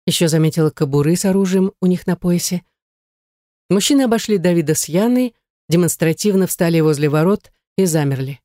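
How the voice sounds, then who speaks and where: Woman narrating an audiobook, low dark voice. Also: fairly quick, no room sound, clean studio sound. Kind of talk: scripted narration.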